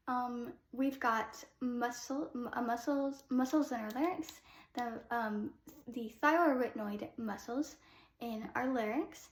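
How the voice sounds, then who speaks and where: A young soprano teaches a casual singing lesson, explaining with short sung demos and filling pauses with "um." Her speaking voice is also soprano, fairly high-pitched, and the sound is reverberant.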